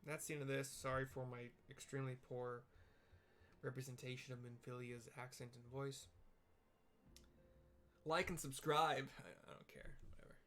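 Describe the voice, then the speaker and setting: This streamer and narrator speaks in a level, medium-pitched, slightly bright voice at normal speed, pausing often. His game commentary is casual, hesitant and self-deprecating as he rambles about what's on screen, over clearly audible background noise.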